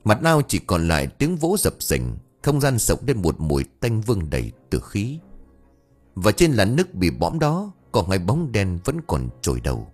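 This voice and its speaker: A man tells a scripted horror tale in a low, husky voice that leaps wildly up and down in pitch. His delivery swings between loud, sharp rises and hushed drops. Soft music plays faintly behind him. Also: huge pitch swings, moderate pace. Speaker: storyteller. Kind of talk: scripted horror story narration.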